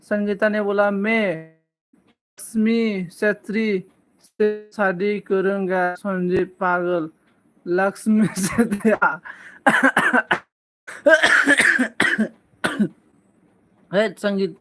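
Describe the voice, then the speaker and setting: A man's voice: sits high, steady tone, pushed and bright. A man casually chatting on a live stream, reading out viewer comments and teasing them back, with frequent coughs. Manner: slow, playful teasing banter with frequent coughs.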